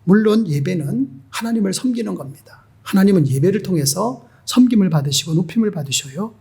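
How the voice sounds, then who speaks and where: A male pastor gives a Sunday sermon in a high-pitched, slightly husky, mellow voice, speaking expressively and a little fast. He preaches emphatically and keeps addressing the congregation with rhetorical questions.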